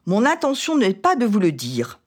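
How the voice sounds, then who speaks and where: A woman's voice: medium pitch, wildly swooping pitch, breathy edge, pitched above the performer's own voice. A woman reading as an icy, defiant young wife. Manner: icy, measured, dignified defiance. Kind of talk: reading a novel aloud.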